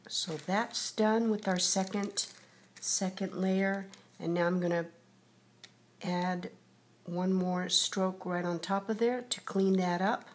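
A woman's voice: mid-range voice, fairly even intonation, slow, slight background noise. A woman giving a step-by-step painting tutorial, patiently narrating each brushstroke as she works, like a TV painting instructor. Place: indoors at a table.

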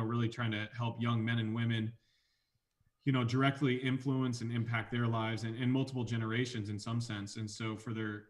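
A man in his thirties speaking casually as an interview guest on a video call from home. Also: medium pitch. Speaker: athletics administrator, guest. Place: bright room at home. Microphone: computer video call.

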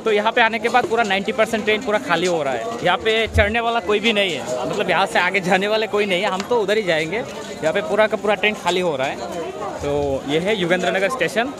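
A man in his thirties from Tripura, India, casually talking to a phone camera held at arm's length as he walks through a busy outdoor railway station, chatty and relaxed. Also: high voice, brisk. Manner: chatty, relaxed, guiding the viewer around. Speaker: travel vlogger. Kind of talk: casual walking vlog to camera. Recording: outdoor phone recording with crowd around. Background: crowd chatter and passing vehicles.

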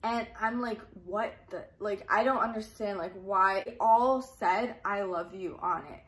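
A woman's voice: mid-range voice, a little slow, fairly bright tone. A young woman telling a personal story in a casual, chatty way, full of fillers. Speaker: YouTuber.

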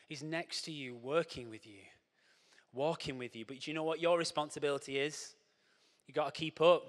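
A man delivers a playful, animated sermon, bright and forceful, with sudden coaching shouts. His fairly high voice rings out with a long hall reverb behind it. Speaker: church speaker. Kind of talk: lively sermon with props and audience. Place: church hall.

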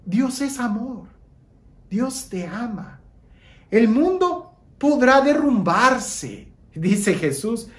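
A woman's voice: fairly high pitch, sing-song, extremely slow, roomy sound. A woman preaching a Lenten sermon, dramatic, sinking to a near-whisper on key phrases and asking listeners questions. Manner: asks listeners rhetorical questions, leads breathing prayer.

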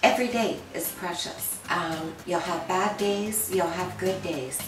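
Woman in her 50s, earnest encouraging, low voice, distant mic, echoey kitchen, noise. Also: a little slow, soft background music. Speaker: interviewee. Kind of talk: interview. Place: home kitchen. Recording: roomy, distant, noisy.

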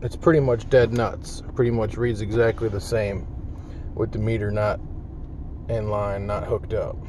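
A man with a lowish, flat voice speaks a little slowly as he demonstrates CB radio gear for a vlog in a casual, folksy, plain-spoken way. He's in the cab of a parked vehicle, recorded on a handheld device that picks up car cabin noise.

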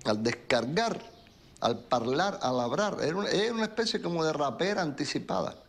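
A man giving expressive commentary in a documentary interview. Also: a little high, fairly quick.

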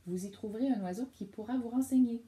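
A woman voicing a kind baby owl with a hooting, high little voice in a storybook reading. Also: fast, dark tone, roomy sound, lightly acted.

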